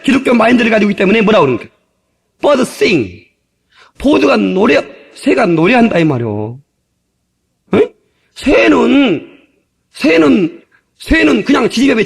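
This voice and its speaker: A middle-aged male pastor preaching an animated, jokey sermon with shouted hallelujahs, from an old tape. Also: high-pitched, gravelly, breathy edge. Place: church sanctuary.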